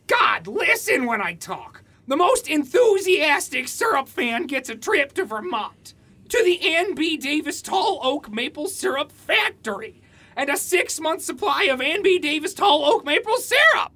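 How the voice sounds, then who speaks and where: An actor playing a bratty, loud, syrup-obsessed young man in a comedy radio play, whiny and boastful. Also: very high voice, big pitch swings, a little slow, full character voice. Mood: frantic.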